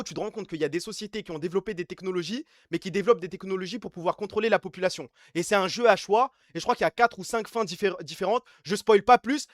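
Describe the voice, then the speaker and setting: Streamer, male, from France: rapid, high-pitched, slangy and blunt, dry close sound. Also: fairly bright tone, no room sound. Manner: slangy, blunt, ranting about games. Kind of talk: casual live-stream chat.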